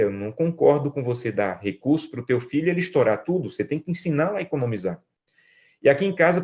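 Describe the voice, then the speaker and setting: Brazilian pastor telling a family story. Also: male voice, medium pitch. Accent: Brazilian Portuguese. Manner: storytelling, swings from hushed to lively. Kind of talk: sermon.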